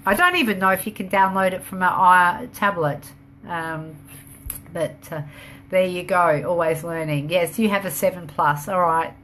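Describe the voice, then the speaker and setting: A woman's voice: lowish voice, steady tone, moderate pace, a bit bright, a little hiss or hum. Chatty woman hosting a home live stream. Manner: chatty and rambling, reads out and answers viewer comments; laughs easily, upbeat. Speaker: home business owner hosting a live video. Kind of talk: casual live-stream chat.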